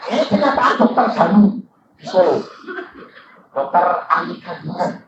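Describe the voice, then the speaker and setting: An older man preaching a sermon full of stories, swinging from low asides to high shouted quotes. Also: animated, unhurried, noisy background. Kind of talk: sermon with anecdotes. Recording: dull, echoey hall recording from far off.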